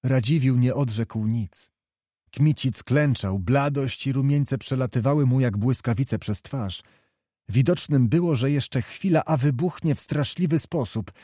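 A man narrates a novel in a measured, steady way with a dark, mellow tone. The recording is close and dry, with no room sound. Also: medium pitch, no room sound. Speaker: audiobook narrator. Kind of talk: scripted storybook narration.

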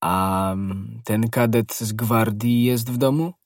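A man's voice: mid-range voice, slow, no room sound, studio quality, recorded from a distance, close to an everyday voice. A man doing a curt, scheming stranger. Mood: probing. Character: cold, scheming man in a cloak.

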